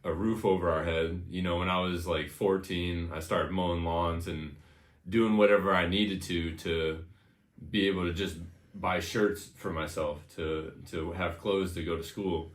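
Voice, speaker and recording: As an interview guest, a thirty-something American man from Connecticut casually recalls personal stories in a deep, steady, unhurried voice. He's informal and nostalgic, often saying "you know," and the sound is reverberant.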